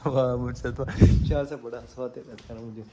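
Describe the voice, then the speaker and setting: Man, vlogger, casual chat, upbeat and talkative, medium pitch, outdoor street at night, noisy phone recording. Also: fairly even intonation. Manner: chatty, upbeat, addresses viewers directly. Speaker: vlogger and channel host.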